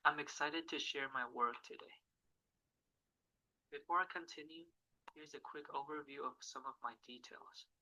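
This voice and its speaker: A man's voice: a little high, moderate pace, pauses often, low-quality recording. A teenage boy from Taiwan narrating a recorded demo of his school project in a scripted way. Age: teens. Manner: scripted, even, reading through steps. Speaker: student presenting a project.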